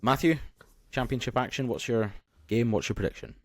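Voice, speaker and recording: A man's voice: medium pitch, brisk, no room sound, clean studio sound. A man hosting a casual football podcast, bantering as he leads the segments. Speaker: podcast host.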